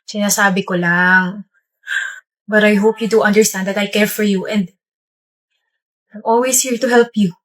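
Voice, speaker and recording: A woman's voice: medium pitch, fairly even intonation, a little slow, long pauses, voice pushed down, natural voice. A woman playing coaxing boyfriend Bill. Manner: gentle, coaxing, playful. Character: caring, teasing young boyfriend. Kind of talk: comedy skit acting.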